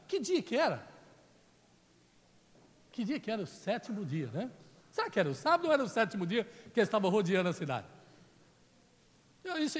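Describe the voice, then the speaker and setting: A man's voice: high-pitched, long reverb tail. A man with a Brazilian Portuguese accent preaching a storytelling sermon in a church, chatting and joking with the congregation by name. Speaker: pastor.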